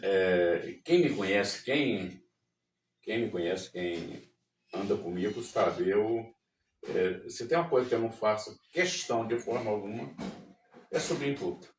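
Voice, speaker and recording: A man's voice: fairly low pitch, animated, a little slow. A man co-hosting a casual religious podcast, talking reflectively and often checking in with his listener. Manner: reflective, frequent check-in tags. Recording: roomy, distant mic, faint noise.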